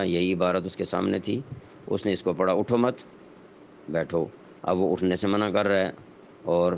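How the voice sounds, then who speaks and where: Deep male religious teacher, measured lecture with many filler pauses, dull lo-fi recording with light hiss. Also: gravelly. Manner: measured explanatory delivery with frequent hesitation fillers. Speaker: Islamic teacher. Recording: dull lo-fi sound with faint noise.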